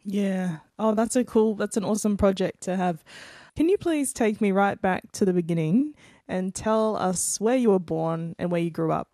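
Mellow-voiced woman interviewing a guest. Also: medium pitch, normal speed, no echo, studio quality. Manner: scripted intro, then encouraging questions. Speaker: interviewer, host. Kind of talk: interview hosting.

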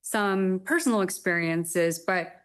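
Young woman from taiwan, translator, lowish voice, lots of ums, thinks out loud. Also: measured pace. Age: young adult. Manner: thoughtful, with frequent hesitant fillers. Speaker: literary translator. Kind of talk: interview answers.

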